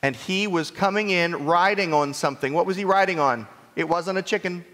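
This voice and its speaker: A man's voice: high voice, brisk, pushed and bright. A man giving a children's message in a church sanctuary, playful and asking the children many questions. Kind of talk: children's sermon. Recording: echoey church hall reverb.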